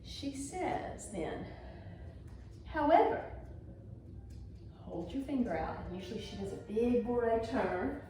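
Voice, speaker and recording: Speaking slowly with long pauses, this woman has a warm, highish voice with lively intonation. She leads a ballet mime lesson, walking viewers through gestures with theatrical storytelling and encouraging prompts. There's slight background noise, music playing and heavy room echo.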